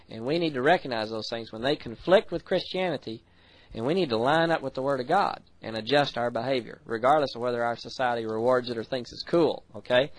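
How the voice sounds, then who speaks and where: An American man preaching a sermon, earnest, slowing down to read scripture and speeding up for quick asides. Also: medium pitch, a bit bright, no echo, poor audio. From United States. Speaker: pastor.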